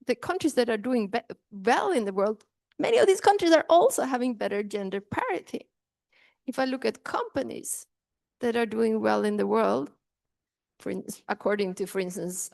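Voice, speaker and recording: A woman's voice: on the high side, creaky, darkish tone, no echo. A middle-aged woman from Norway with a Norwegian accent, giving an earnest talk and often restarting her sentences. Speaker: speaker on inclusion. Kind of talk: talk to an audience.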